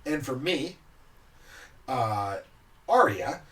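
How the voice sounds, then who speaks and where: A man co-hosting a podcast, casually chatting about his tabletop game characters in a relaxed, explanatory way. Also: medium pitch, very slow. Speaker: podcast co-host. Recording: distant mic with faint background noise.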